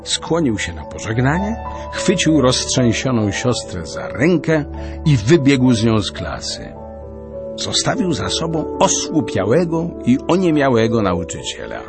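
Expressive male storybook narrator. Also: mid-range voice, a little slow, music in the background. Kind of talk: audiobook narration.

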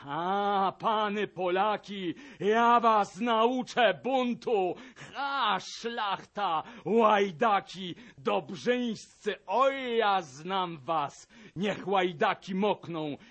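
An actor playing a blustering Russian army major who shouts, mocks and boasts in a radio drama. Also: male voice, high voice, extremely slow, heavily acted. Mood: furious. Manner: shouting, mocking, boastful ranting.

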